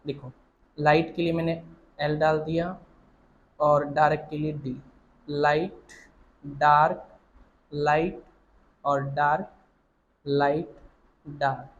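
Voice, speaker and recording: A man's voice: fairly high pitch, flat delivery, takes it slowly, long pauses, lo-fi sound, a little hiss or hum. A man teaching shorthand, explaining each point step by step, repeating himself and quizzing the listener.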